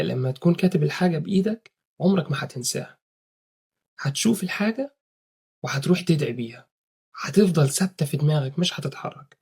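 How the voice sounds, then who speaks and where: A man's voice: fairly high pitch, darkish tone, slightly rough. A young man with an Egyptian Arabic accent giving earnest casual advice to viewers, often swearing oaths. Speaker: religious advice speaker.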